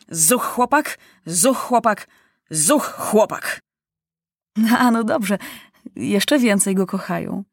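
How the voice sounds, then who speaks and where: A woman narrating a children's audiobook with lively, expressive storytelling. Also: mid-range voice, breathy edge, no echo, clean studio sound.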